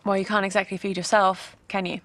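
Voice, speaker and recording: A woman's voice: medium pitch, flat delivery, fairly quick, a bit bright, close to an everyday voice. An actress playing a sly, sarcastic female villain in a British soap drama, taunting the people around her. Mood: mocking.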